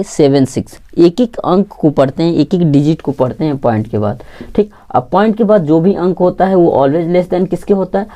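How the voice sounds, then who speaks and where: A woman teaches an online math lesson in a low, mellow voice. She keeps asking the class questions and answering them herself, repeating key points and checking in with "theek" again and again. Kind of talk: online lesson for exam preparation.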